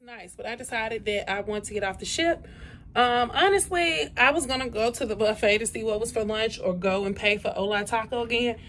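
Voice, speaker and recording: Woman in her thirties, candid travel vlogger on a phone at arm's length, soft music behind. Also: fairly high pitch, fairly quick. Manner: chatty and candid, talks straight to viewers. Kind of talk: casual vlog with voice-over. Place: on a cruise ship, cabin and open deck. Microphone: phone held at arm's length.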